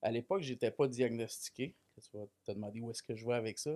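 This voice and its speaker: A man in his thirties with a Quebec French accent is a podcast guest recounting his life story in casual chat. He's relaxed and self-deprecating, fills his speech with fillers, and talks fast in a mid-range voice.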